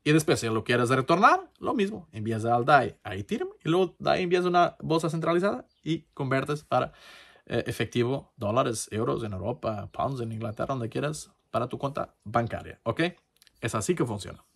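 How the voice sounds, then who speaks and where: This man's voice sits in the mid range, sing-song and creaky with a breathy edge, moving at a moderate pace. He hosts a crypto channel and speaks Spanish with a Portuguese accent, his native language being Portuguese. The casual, hesitant tutorial to camera is full of fillers and false starts.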